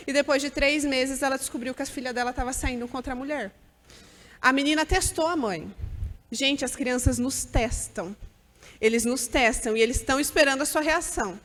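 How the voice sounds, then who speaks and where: A woman's voice: sits high, a bit bright, in a large hall. A woman giving an earnest, direct church talk to mothers. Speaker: church speaker at a mothers' gathering.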